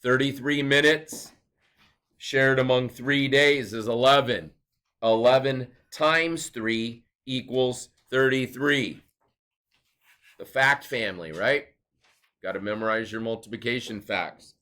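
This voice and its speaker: A man's voice: medium pitch, slow pace, bright, forceful tone. A male teacher giving a recorded math lesson, explaining step by step and asking and answering his own questions.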